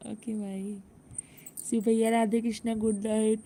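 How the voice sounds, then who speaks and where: A chatty woman hosts a casual live stream from a phone, greeting viewers by name and laughing often. Her voice is dark and gravelly, with a faint hiss of noise behind it. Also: a little high, flat delivery, unhurried.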